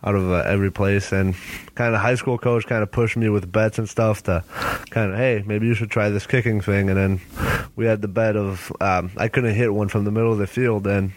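A young man from southern France speaks in a low, level voice, recorded dry and close. He tells his story as a college kicker in a relaxed, easy way. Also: brisk, dry recording, rough recording.

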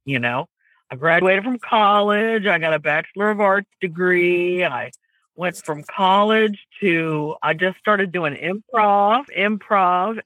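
A comedian guest in an interview, this woman from the American South has a Southern US accent and a mid-range voice. She's chatty and animated, with easy laughter. The recording is both dry and rough.

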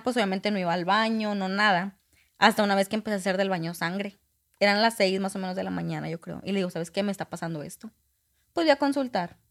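Woman, 20s, podcast guest; candid storyteller who acts out the lines of others, mid-pitched. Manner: candid, acts out quoted dialogue. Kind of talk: personal storytelling in conversation.

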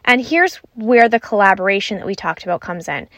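A woman's voice: mid-range voice, expressive, a little fast, a bit bright, no room sound. A woman in her thirties hosting a parenting podcast, talking in an earnest, reflective way with frequent "right?" asides. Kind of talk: solo podcast monologue.

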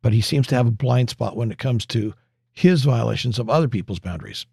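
A man's voice: medium pitch, expressive, fairly quick, gravelly, a little mellow, slightly rough, no echo, clean studio sound. A man hosting a podcast, recapping a TV episode in a wry, conversational way with asides. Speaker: podcast host.

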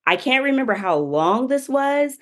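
A woman's voice: high-pitched, sing-song, moderate pace. A woman telling her life story in a casual interview, chatty and full of "you know" fillers. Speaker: interview guest.

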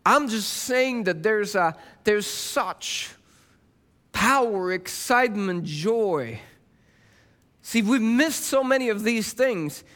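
Fervent high-voiced male pastor. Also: lively intonation, slow pace, fairly bright tone. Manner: fervent, emphatic preaching. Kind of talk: sermon.

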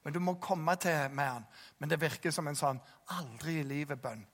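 Brief: Jæren man preaching, high voice, long hall reverb, lively storyteller. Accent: Jæren Norwegian. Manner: animated, acts out voices and shouts in stories. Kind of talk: sermon with storytelling.

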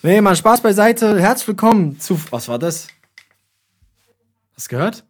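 A man's voice: high voice, big pitch swings, a little slow. A young man hosting a casual podcast, joking and telling stories with playful exaggeration. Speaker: podcast host.

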